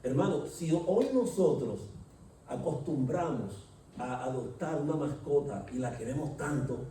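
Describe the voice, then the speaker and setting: A man preaches an emphatic sermon in a church, often turning to the congregation with questions. His voice is dark and mellow and sits fairly high. It reaches the mic from far off in a strongly reverberant room. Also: expressive, measured pace, a little hiss or hum. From Colombia. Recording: echoey hall, distant mic.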